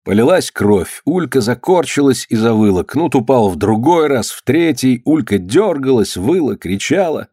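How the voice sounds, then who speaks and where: A man reading a story aloud in steady audiobook narration. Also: mid-range voice, moderate pace, hardly any pauses, husky, no room sound, clean studio sound.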